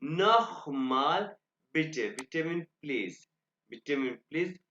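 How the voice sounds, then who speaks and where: A man teaching a German class online, patiently repeating words slowly for pronunciation. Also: fairly high pitch. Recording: echoey lo-fi online class audio.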